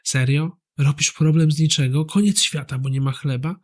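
A man's voice: fairly high pitch, fairly even intonation, normal speed, lightly acted. A man acting as a scornful, blame-shifting man. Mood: dismissive. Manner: defensive, scornful.

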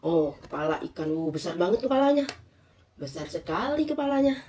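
A woman's voice: fairly low pitch, very animated, brisk, noisy background. A woman in her thirties from Indonesia chatting casually to her viewers as a food vlogger, recorded on a phone at home. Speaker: mukbang vlogger. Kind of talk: casual vlog chat to viewers. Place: indoors, living room at home. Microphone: phone at arm's length.

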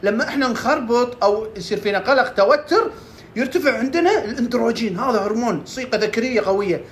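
A woman talks fast through casual health advice, firing off questions and answering them herself. Her voice sits fairly high. A faint hum runs under the recording. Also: animated. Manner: quick, asks and answers her own questions. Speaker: herbal health presenter. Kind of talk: casual health tips talk.

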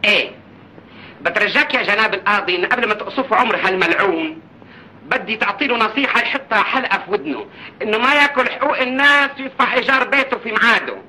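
An actor playing a middle-aged, aggrieved landlord with a Levantine accent, scolding and rambling indignantly in an old film comedy. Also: male voice, high voice, fast, bright, forceful tone. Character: blustering, stout, aggrieved landlord, comically long-winded. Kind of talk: 1940s film comedy acting. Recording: noisy old film soundtrack.

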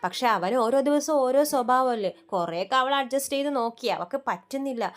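A woman's voice: sits high, animated, fairly quick. Woman playing a scornful mother-in-law. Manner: sharp, dismissive retorts.

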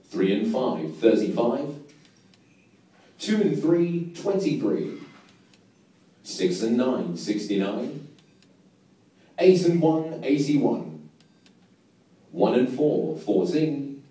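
A man's voice: medium pitch, mellow. A young man in his twenties calling bingo numbers in a sing-song, patterned manner as the host. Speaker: bingo caller, show host. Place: large bingo hall, indoors. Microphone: handheld mic over hall speakers, filmed from nearby. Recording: echoey hall PA, far from the mic.

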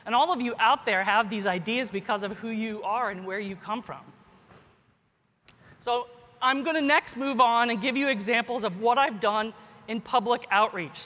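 A scientist and teacher delivers a casual keynote in a big conference hall, speaking at normal speed in a slightly high, fairly bright voice and sprinkling in "right?" and "you know." Long reverb rings through the echoing space.

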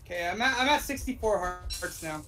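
A young adult woman chatting casually while playing a co-op game, excitable one moment and apologetic the next. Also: lowish voice, soft background music, rough recording. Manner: excitable and apologetic, quick bursts. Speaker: co-op game player. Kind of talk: casual gaming chat.

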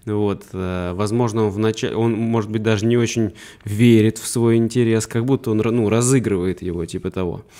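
A man, a psychotherapist co-hosting a podcast, explaining things with many pauses and fillers. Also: fairly low pitch, steady tone, warm tone. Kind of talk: casual conversation.

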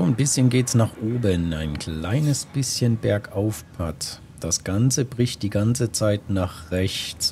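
A man's voice: on the low side, darkish tone. Musing male gamer with faint noise behind. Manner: musing, talking to himself. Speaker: gamer, let's play host. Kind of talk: casual gameplay commentary, thinking aloud.

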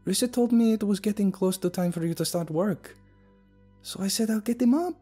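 A man voicing an anxious young woman who pleads gently and rises high in pitch. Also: huge pitch swings, moderate pace, faint music behind. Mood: worried.

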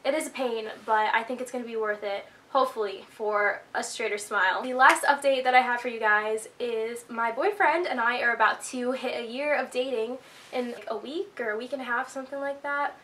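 A woman's voice: a little high, a little fast, sharp tone, a little hiss or hum. A woman of twenty-one chatting to camera in a rambling life-update vlog, a little out of breath from being sick. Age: 20s. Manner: chatty, rambling, filler-heavy. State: slightly out of breath from illness. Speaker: YouTuber.

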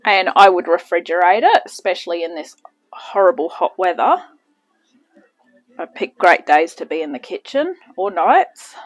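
In her kitchen, a woman with a lowish, expressive voice hosts a casual cooking demo for her channel at a moderate pace. She rambles in chatty, self-deprecating asides, and the recording is low quality.

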